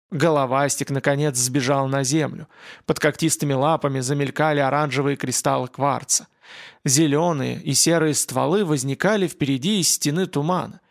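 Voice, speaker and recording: Gravelly male audiobook narrator. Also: mid-range voice.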